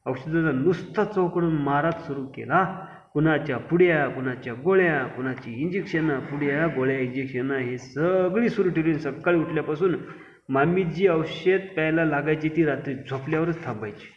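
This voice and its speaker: A man's voice: a little high, normal speed. Man retelling a story in an echoey room. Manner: storytelling with lively asides. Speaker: literature teacher. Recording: echoey room, dull sound.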